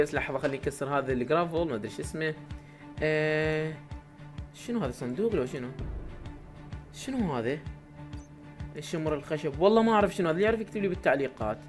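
A young man with an Iraqi Arabic accent, giving excitable live commentary to his viewers while playing a game, with sudden loud exclamations. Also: on the high side. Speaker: gaming YouTuber.

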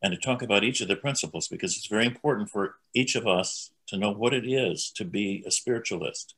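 An older man giving an earnest, deliberate talk at a spiritualist church. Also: lowish voice, fairly bright tone, breathy edge. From United States. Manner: earnest, slow and deliberate, reads quotations aloud. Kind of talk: sermon-style talk.

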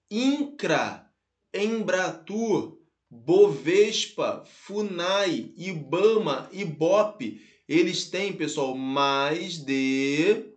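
A Brazilian man with a high voice teaches a grammar class with lively energy. He keeps calling out to his students and slows down to spell letters out one at a time. The sound is roomy and echoing. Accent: Brazilian Portuguese. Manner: lively, addresses viewers as "galera" and "pessoal", spells letters out slowly. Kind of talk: online grammar lesson.

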